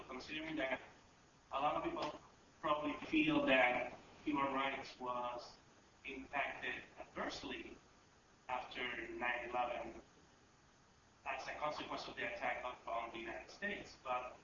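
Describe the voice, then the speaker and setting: A man hoarse and raspy from a heavy cold gives measured, halting remarks as a speaker on a panel. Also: medium pitch. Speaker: panel speaker, policy advisor. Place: echoey indoor event room. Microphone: distant microphone. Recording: distant, very echoey, dull, noisy room recording.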